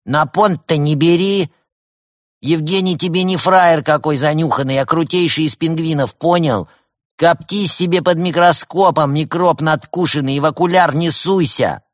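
A man's voice: fairly high pitch, normal speed, no room sound, clean studio sound, voice pushed up, close to an everyday voice. A man voicing a timid male penguin faking a brash, cocky gangster with criminal slang. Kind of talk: audiobook character voice.

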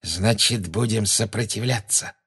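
A man's voice: unhurried, fairly bright tone, breathy edge, exaggerated voice. A man voicing a fanatical, cruel witch who hisses and shrieks in fury. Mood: menacing. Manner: shrill, hissing, shrieks in fury.

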